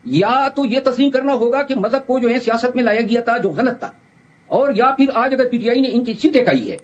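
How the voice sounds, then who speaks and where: A man with a high voice presses his political argument insistently on a TV debate. His sound comes through a dull, lo-fi remote feed, and the audio drops out in places. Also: expressive. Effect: audio cutting out on a remote link. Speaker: political guest on a TV talk show.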